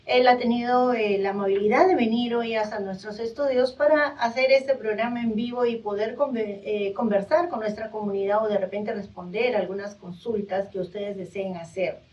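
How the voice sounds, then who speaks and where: A woman hosts a live radio interview, mid-pitched and hesitant, often stretching fillers as she gathers her thoughts. She sits a little back from the microphone, and the studio recording sounds muffled and lo-fi. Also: steady tone, a little mellow. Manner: hesitant, many drawn-out fillers. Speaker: radio host. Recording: dull, distant radio recording.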